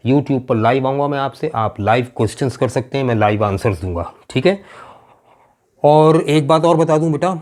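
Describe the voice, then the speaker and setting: A man with a Karachi Urdu accent teaching as an English teacher in a classroom-style lecture, explaining slowly and drawing out recited verse lines. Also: mid-range voice, a little mellow.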